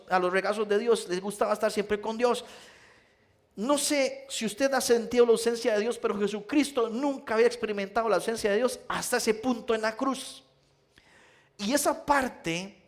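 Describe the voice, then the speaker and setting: High-voiced Nicaraguan pastor preaching. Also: male voice. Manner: storytelling, addresses listeners as "usted", shifts between loud and hushed. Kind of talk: sermon.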